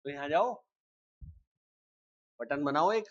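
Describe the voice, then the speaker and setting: A man teaching a live programming class, explaining step by step and often asking students quick check questions. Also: fairly high pitch, lively intonation, a bit bright, dull audio. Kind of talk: live classroom coding lecture.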